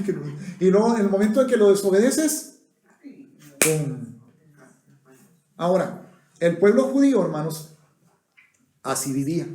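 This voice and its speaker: A man's voice: high voice, mellow. A man preaching a sermon, chatting with the congregation and asking them questions. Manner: conversational, asks the audience questions. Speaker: pastor. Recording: roomy echo of a hall.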